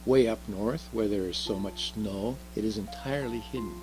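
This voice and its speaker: A man playing a kindly, reassuring old Santa in a children's storybook, speaking gently to a child. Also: lowish voice, normal speed, faint music behind, lightly acted, low-quality recording. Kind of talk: children's storybook read aloud.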